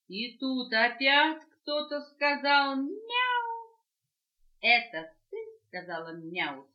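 An older woman, a grandmother, reading a children's story aloud with lively, expressive storytelling. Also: on the low side. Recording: roomy dull home cassette tape.

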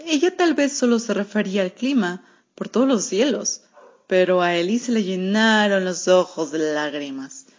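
A woman's voice: medium pitch, lively intonation, normal speed. A woman reading a children's story aloud for radio, narrating in a wry, sardonic first-person cat voice. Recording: muffled lo-fi radio recording.

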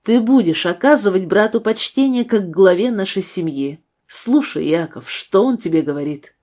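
A woman's voice: medium pitch, expressive, normal speed, dark tone, lightly acted. A woman reading the part of a devout, earnest mother in a storybook reading. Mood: stern. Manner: earnest, pleading. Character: devout mother, firm yet loving.

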